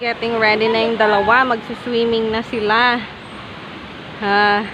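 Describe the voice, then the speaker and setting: Slow-talking chatty Filipina vlogger outdoors. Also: female voice, on the high side, little pitch movement. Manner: chatty, exclaiming, laughing often. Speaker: travel vlogger. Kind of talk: casual travel vlog narration. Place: outdoors at waterfalls, walking. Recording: loud rushing waterfall noise outdoors.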